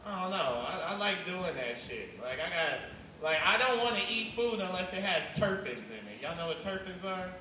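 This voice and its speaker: A man performing a stand-up comedy set on stage, rambling loosely between bursts of loud emphasis. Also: high voice, sing-song, normal speed. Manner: loose, rambling delivery with sudden loud outbursts. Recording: roomy, distant live club recording with noise.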